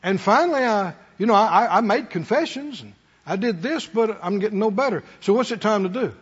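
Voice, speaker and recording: This middle-aged or older preacher has a high-sitting, husky voice with lively intonation, going a little fast. In a conversational, folksy way he tells homely stories and asks his congregation rhetorical questions, in a muffled hall with long reverb.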